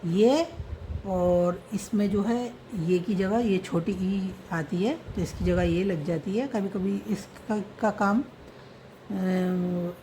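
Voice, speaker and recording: Woman teacher, unhurried lesson delivery, spells out words and repeats them, faint background hiss. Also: medium pitch, dark tone. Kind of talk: slow explanatory script lesson.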